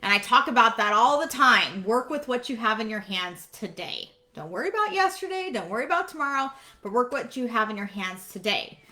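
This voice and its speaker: A young woman speaks in a bright, fairly high voice, giving a heartfelt devotional talk. She is earnest and drives her points home by repeating phrases. Her emotion sits close to the surface as she speaks. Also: expressive, fairly quick, hardly any pauses.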